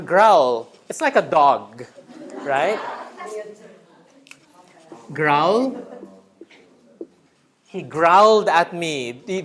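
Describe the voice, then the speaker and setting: A man's voice: sits high, fairly bright tone. A man training a writing workshop in a room, teacherly, repeating key words and checking in with the group. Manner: teacherly, checks in with "right?" often.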